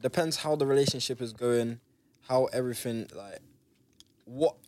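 A man's voice: medium pitch, normal speed, a little mellow. A young man with a London roadman accent, chatting casually. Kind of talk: casual chat.

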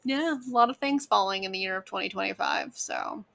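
A woman's voice: medium pitch, a little fast, gravelly, fairly bright tone. A woman in her thirties chatting casually with friends, rambling with lots of fillers and laughter. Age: 30s. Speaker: dungeon master. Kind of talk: casual chat among friends.

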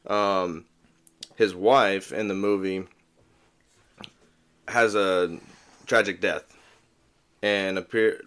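Man, 30s, podcast co-host, lowish voice, relaxed rambling chat. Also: very slow, long pauses, smooth. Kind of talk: casual chat.

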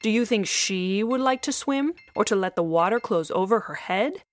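A woman's voice: mid-range voice, expressive, normal speed, close to an everyday voice. A woman doing a bossy, scolding storybook hen. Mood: lecturing. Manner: scolding, lecturing, haughty. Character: bossy self-important hen, female.

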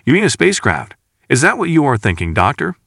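A man reading as a brisk, commanding woman captain. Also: mid-range voice, wildly swooping pitch, creaky, fairly bright tone, no echo, studio quality, pitched above the performer's own voice, heavily acted. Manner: barking short orders. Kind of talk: audiobook character reading.

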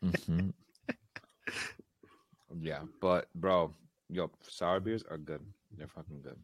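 A podcast host bantering casually, animated and full of slang, laughing often. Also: male voice, sits low, takes it slowly, dry recording. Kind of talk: casual chat.

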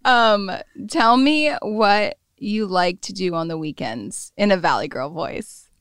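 A woman hosting a podcast in casual interview chat, playful, firing off quick questions and laughing often. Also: medium pitch, expressive, a bit bright, clean tone, no echo, clean studio sound. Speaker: podcast host.

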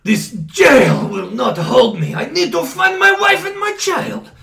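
A man's voice: high-pitched, big pitch swings, normal speed, gravelly, a bit bright, reverberant, distant mic, exaggerated voice. A man in an improv comedy scene playing a desperate jailed scarecrow who pleads in earnest, slightly broken phrases.

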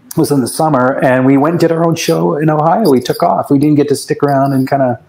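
A man's voice: fairly high pitch, quick pace, vocal fry, darkish tone, rough recording. A man, a guest musician, telling rambling anecdotes in a casual interview, often restarting his sentences.

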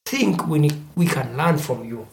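A person from Uganda who runs an organization, speaking in a measured, reflective way in a discussion. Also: medium pitch, expressive. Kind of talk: conversational discussion.

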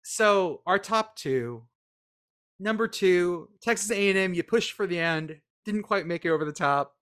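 A man's voice: high-pitched, unhurried. A man co-hosting a casual sports podcast, counting down rankings with sarcastic jokes. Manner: sarcastic, lively countdown delivery. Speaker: podcast co-host.

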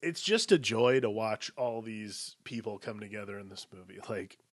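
A man's voice: fairly low pitch, lively intonation, normal speed, no room sound. A man co-hosting a podcast, rambling casually about a movie with many "like"s and some swearing. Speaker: podcast co-host.

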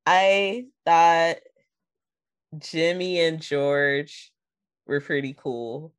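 A woman's voice: low-pitched, steady tone, drawn-out words, clean tone, dry recording, studio quality. A woman co-hosting a casual movie review chat, retelling scenes with laughs and acting out the characters' lines. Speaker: podcast co-host.

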